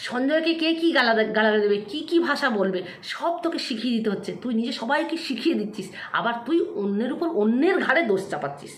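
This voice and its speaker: A woman with a fairly high voice rants straight to the camera, scolding and taunting, and hammers the same points again and again. Her voice rings in an echoey room. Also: expressive, fast talker, few pauses. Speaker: vlogger. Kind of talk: angry direct-to-camera rant.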